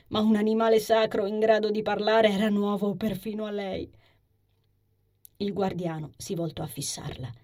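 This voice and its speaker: A woman reading a fantasy novel aloud as a narrator, expressive, sometimes dropping to a soft whisper. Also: mid-range voice, breathy edge. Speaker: audiobook narrator.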